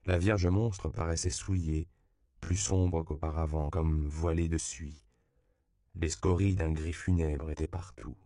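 A man narrating an audiobook in a measured, even storytelling voice, recorded close to the mic. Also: rumbling low, clear, resonant tone, no echo.

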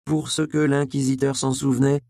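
A man reading a historical novel aloud as an audiobook narrator, with measured storytelling. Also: medium pitch, little pitch movement, vocal fry, mellow, dry recording, studio quality. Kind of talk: scripted narration.

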